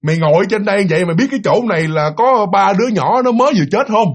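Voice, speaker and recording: A man voicing a middle-aged village uncle who questions a boy gruffly. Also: high-pitched, expressive, very fast. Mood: scolding.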